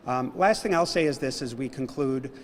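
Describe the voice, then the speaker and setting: A man's voice: mid-range voice, moderate pace, in a large hall, slight background noise. A man, a civic official acting as emcee, closing a ceremony speech in an informal, joking, rambling way. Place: large indoor hall.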